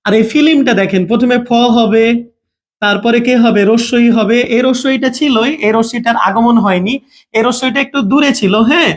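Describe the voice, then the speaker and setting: Very high-pitched male teacher running a live online class, always quizzing students and asking "okay?". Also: a little fast. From Bangladesh. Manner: repeats questions to students, checks understanding often. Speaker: grammar teacher.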